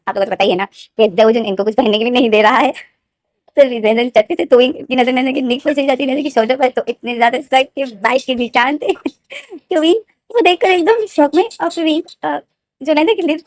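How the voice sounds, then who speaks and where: A woman retells a story in a chatty, giggly manner, slipping English words in. Her voice sits a bit high and races along. The sound is dry and close. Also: a little mellow, no echo. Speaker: fan fiction explainer.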